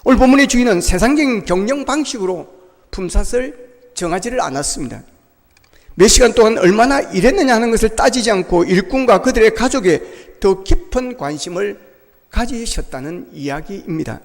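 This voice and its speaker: A man's voice: sits high, lively intonation, a little fast, gravelly, big-room sound. A male pastor preaching a sermon in a church, making his points with emphatic rhetorical questions.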